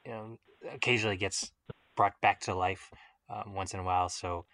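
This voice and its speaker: A man's voice: deep voice, steady tone, normal speed, a bit bright, no room sound. A man hosting a casual podcast chat, rambling and hedging with lots of fillers. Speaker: podcast host.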